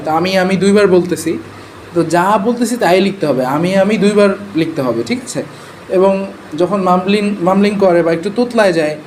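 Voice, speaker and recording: A man walks a class through transcription rules. He keeps a relaxed, conversational tone and keeps checking in with his listeners. His voice sits high, with a faint steady hiss underneath. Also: rough recording. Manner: conversational, checks in often with rhetorical questions. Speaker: transcription trainer.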